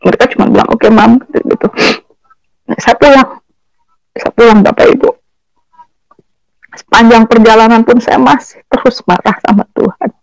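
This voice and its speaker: A woman's voice: a little high, steady tone, normal speed, vocal fry, pauses often, dry recording, poor audio. Tearful woman giving emotional testimony. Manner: tearful, rising to anguished cries, sprinkles English phrases. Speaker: testimony speaker. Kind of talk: emotional personal testimony to an audience.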